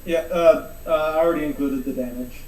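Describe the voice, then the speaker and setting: A player chatting casually in a tabletop game, playful and quick to laugh. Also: female voice, deep voice, roomy sound, distant mic, poor audio. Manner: playful, laughs a lot, shouts out.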